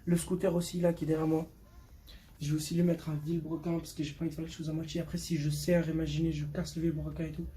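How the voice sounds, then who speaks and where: Here a 15-year-old from Portugal chats casually while presenting his motorbike, his fairly high, mellow voice delivered quickly in a level tone. He leans on slang and says words twice for emphasis. There's background noise, though the recording itself is clear.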